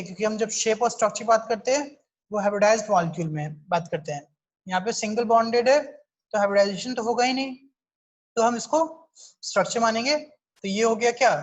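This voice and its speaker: A woman teaching a chemistry class, explaining step by step and checking in with her students often. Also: mid-range voice. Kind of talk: online class lecture, mixing Hindi and English.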